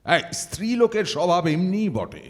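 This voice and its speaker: A man's voice: high voice, wildly swooping pitch, a little fast, full character voice. A male actor playing a pompous, moralizing middle-aged judge who declaims his verdicts, in a live stage audio play. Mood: scornful, curious. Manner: declaiming, self-righteous. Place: auditorium stage. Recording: live hall with long reverb.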